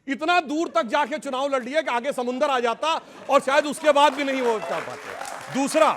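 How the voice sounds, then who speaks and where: A man with a very high-pitched voice argues as a panelist on a televised news debate. He is sarcastic and combative, and heaps mock praise on his rivals while he makes his points. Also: lively intonation, normal speed, a crowd in the background, noisy background.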